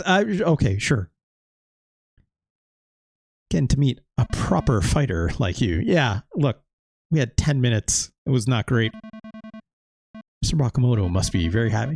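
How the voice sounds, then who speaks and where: A man with a gravelly, creaky voice chatting over a video game, his pitch swinging widely as he reacts. He talks casually and drops sarcastic asides. Faint game music plays behind him. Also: a little mellow, dry recording, clean studio sound. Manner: wry, sarcastic asides with frequent laughs. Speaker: let's play host.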